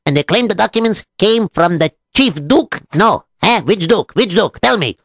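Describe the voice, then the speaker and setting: A man voicing an excitable, gossiping male villager, repeating words frantically. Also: sits high, moderate pace, creaky, dry recording, clean studio sound, voice pushed up, exaggerated voice. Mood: frantic.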